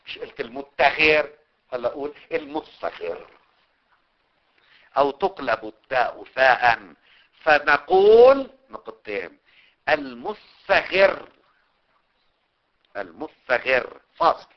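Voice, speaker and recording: Lively Levantine teacher dictating a lesson. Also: male voice, medium pitch. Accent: Levantine Arabic. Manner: explains slowly, checks understanding, stretches key words. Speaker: religious studies teacher. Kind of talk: classroom lecture with dictation. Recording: dull lo-fi recording.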